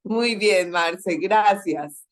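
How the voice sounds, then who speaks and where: A woman's voice: medium pitch, drawn-out words. A woman moderating a panel, replying briefly and encouragingly before handing the turn to the next speaker.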